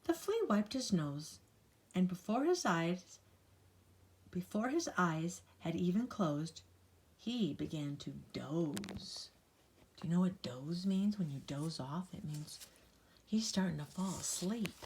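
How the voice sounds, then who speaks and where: There's slight background noise as an older woman reads a picture book to little ones in a low, darkish, expressive voice, taking her time. She plays with a sing-song rhythm and dramatic emphasis on lists, talking straight to her young listeners between lines.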